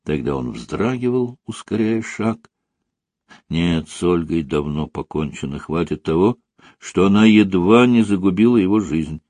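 A man narrating an audiobook with an expressive, storytelling delivery. His pitch moves lively. The recording is close and dry. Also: dry recording. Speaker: audiobook reader.

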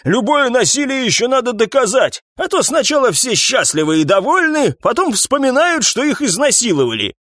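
A man voicing an irascible old police captain near retirement, yelling hoarsely in a storybook reading. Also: very high-pitched, sing-song, moderate pace, hardly any pauses, dry recording, studio quality, pitched above the performer's own voice, exaggerated voice. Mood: grumbling.

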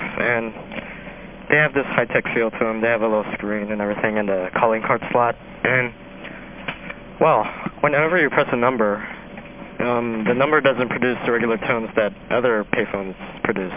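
Man talking from a payphone, tinny line. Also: medium pitch. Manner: loose, halting, with many fillers. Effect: talking from a payphone over a phone line. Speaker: phone hobbyist leaving a message. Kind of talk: casual spoken message. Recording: tinny phone line with hiss.

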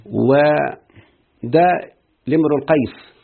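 A man teaching a grammar class in an Egyptian accent. He explains each point step by step and keeps asking his students whether they follow. His voice is husky and thin, heard through a tinny, phone-like recording. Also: fairly high pitch, slow pace. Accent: Egyptian Arabic.

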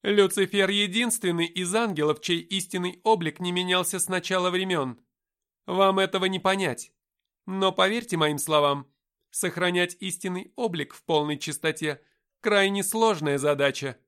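A man's voice: high-pitched, moderate pace, a bit bright, smooth, voice pushed up. A man reading an audiobook voices a haughty, world-weary female angel who speaks in a commanding, solemn way.

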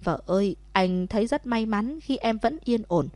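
A woman voicing a remorseful young husband who begs his wife loudly in a storybook. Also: on the high side, animated, normal speed, dry recording, lightly acted. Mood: coaxing. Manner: loud begging calls.

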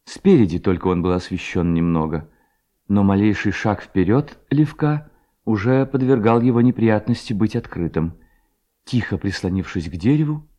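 Male narrator, theatrical classic-story audiobook reading, animated pitch.

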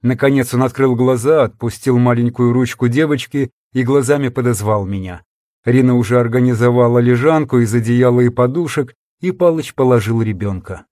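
A man narrating an audiobook in a steady, even reading voice. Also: mid-range voice, a little fast, no echo, studio quality.

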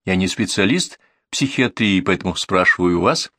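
A man voicing a cool-headed police detective who reasons calmly and without hurry. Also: deep voice, dry recording, clean studio sound, exaggerated voice. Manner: composed, unhurried reasoning.

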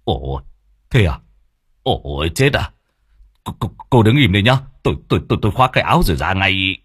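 Man as curt older village headman, lively pitch, barks orders. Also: fairly quick, husky, no echo, studio quality, exaggerated voice. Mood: alarmed. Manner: blunt, irritated questioning. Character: gruff older male village chief, short-tempered.

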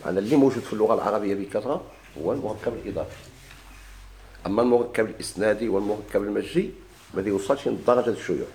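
A man's voice: fairly low pitch, dark tone, a little hiss or hum. A man with a Moroccan Arabic accent teaching a classical grammar lesson. He quotes verses, then explains them step by step and puts questions to his students.

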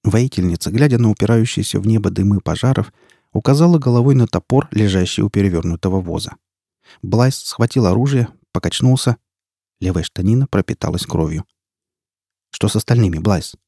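A male narrator reads an audiobook in a measured, grave way. His voice is low and gravelly, dark and husky. The sound is dry and close to the mic. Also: dry recording.

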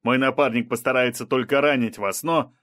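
A man's voice: mid-range voice, steady tone, a little fast, a bit bright, dry recording, studio quality, lightly acted. A man voicing a stern male federal police officer giving curt commands. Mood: commanding.

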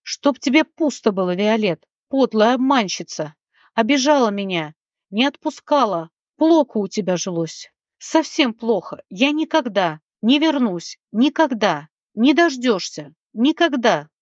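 A shrieking greedy little male gnome, voiced by a woman reading a storybook squeals in a high, tight voice. The recording is dry and a little muffled, with no room sound. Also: very animated, slow, a little mellow, dry recording, full character voice. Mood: shrieking furious.

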